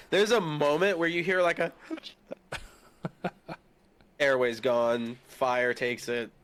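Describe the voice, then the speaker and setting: A man acts as game master for a tabletop game, narrating at a slow, unhurried pace. He laughs often and swears freely, and his narration stalls and restarts on fillers. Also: a little high, steady tone, a bit bright, clear, resonant tone.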